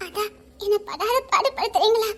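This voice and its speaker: Homemade drama role: a sulky, reproachful pregnant young wife with a Tirunelveli accent, very high and girlish, played by a woman. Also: moderate pace. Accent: Tirunelveli Tamil. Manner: sulky, reproachful, half-laughing.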